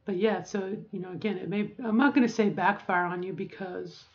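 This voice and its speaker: A woman's voice: mid-range voice, fairly even intonation, brisk, dull audio. A woman in her forties talking casually to camera, rambling and correcting herself as she gives advice. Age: 40s. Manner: rambling, self-correcting, chatty. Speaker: vlogger.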